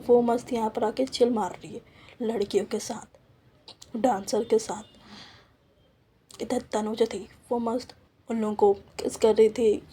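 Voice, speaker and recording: A woman's voice: on the high side, steady tone, slow pace, long pauses, mellow, breathy edge. A woman telling a story in a chatty, casual way, dropping in English asides.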